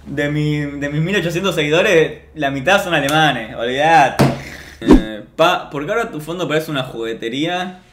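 Argentine guy streaming from his room, joky mock-bragging rants, kinda high voice, echoey. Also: fairly quick, few pauses, noisy background. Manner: joking, mock-boastful rants to chat. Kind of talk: casual stream chat. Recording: roomy echo.

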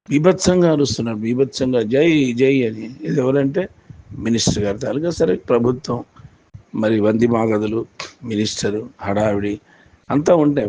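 Animated man telling a story. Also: medium pitch. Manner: animated retelling with repetitions. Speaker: commentator. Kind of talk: storytelling commentary. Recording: dull lo-fi with faint noise.

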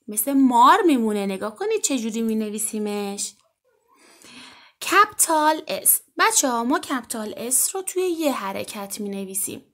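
A woman teaching an alphabet lesson to children, gently and encouragingly, stretching out example words slowly and clearly. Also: on the high side. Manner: slow, drawn-out, clearly enunciated example words.

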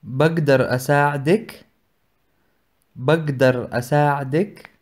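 A man's voice: fairly high pitch, fairly even intonation, fairly quick. A man with a Levantine Arabic accent reading short example phrases for a language lesson.

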